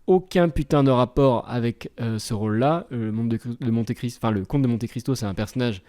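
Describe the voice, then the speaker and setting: Dark-voiced young man, sardonic film chat. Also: medium pitch, brisk. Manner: reads press reviews aloud, then comments sardonically. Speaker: co-host film critic. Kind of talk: casual podcast chat.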